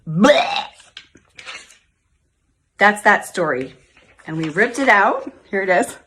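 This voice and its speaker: A middle-aged woman telling a personal story in a lively, animated way during a talk. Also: mid-range voice, moderate pace, slightly rough. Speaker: storytelling coach.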